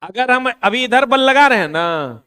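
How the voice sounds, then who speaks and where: High-voiced teacher lecturing slowly. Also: male voice, expressive, pushed and bright, clear, resonant tone. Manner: teasing, scolds and jokes with students. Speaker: physics teacher. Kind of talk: classroom lecture. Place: classroom.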